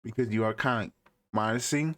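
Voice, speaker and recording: A man's voice: fairly low pitch, brisk, a bit bright. A man co-hosting a casual podcast chat, teasing and incredulous as he talks. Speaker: podcast co-host.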